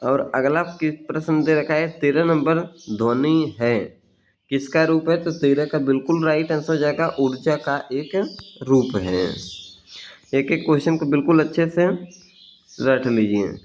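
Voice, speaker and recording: A man tutoring students, briskly reading out exam questions and their answers one after another. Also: a little high, a little mellow. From Bihar, India. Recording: dull lo-fi sound.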